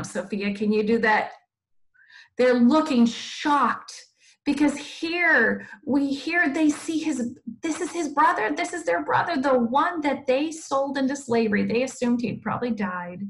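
Woman teaching a children's Bible lesson. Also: fairly high pitch. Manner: animated storytelling, asks the children questions. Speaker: Sunday school teacher.

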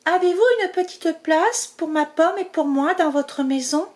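A woman voicing an eager little female mouse in a storybook reading, with high excited exclamations. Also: a little slow.

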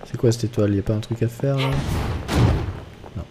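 A man's voice: mid-range voice, a little fast, loud music behind the voice. A young adult man streaming a game live, chatting and joking with his viewers in a rambling casual way. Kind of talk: casual live gameplay commentary.

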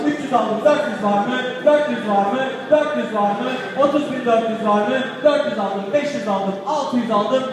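A man working as an auctioneer at a car auction, calling bids in a rapid, insistent, repetitive chant of prices. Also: very high-pitched. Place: large echoey auction hall. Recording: distant mic in echoey hall with crowd.

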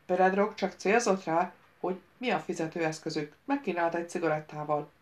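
A woman narrating an audiobook in a measured storytelling manner. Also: on the low side, fairly even intonation.

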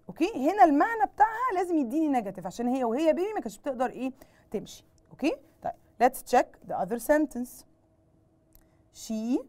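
Lively Egyptian woman teaching English. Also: high-pitched. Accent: Egyptian Arabic. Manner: switches between Arabic and English, asks questions and answers them herself; slows down and spells out English words one at a time. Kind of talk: televised classroom lesson.

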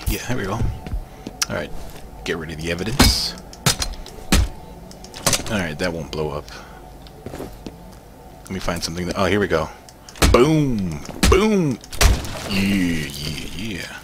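Excitable young man narrating gameplay. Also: deep voice, slow, pauses often, very noisy. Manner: excitable, swearing, jokey outbursts. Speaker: gaming channel host. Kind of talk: casual gameplay commentary.

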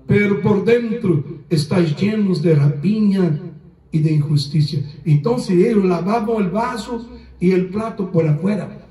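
High-voiced man preaching in an echoey church. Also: a little mellow. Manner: mixes Spanish and Portuguese, calls the congregation to repeat. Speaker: pastor. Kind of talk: sermon. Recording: echoey church room, voice from far off the mic.

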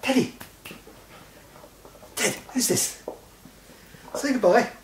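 A man's voice: very high-pitched, slow pace, a little hiss or hum. A man at home, chatting playfully to his dog in sing-song baby talk and laughing a lot. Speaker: dog owner. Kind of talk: playful home video with pet. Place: indoors at home. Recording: echoey room.

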